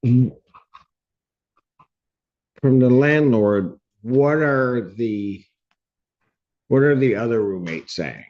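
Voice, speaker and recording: A male judge questions someone in a courtroom firmly, interrupting again and again with "ma'am." His mid-range voice moves extremely slowly with many pauses, and the courtroom audio sounds dull.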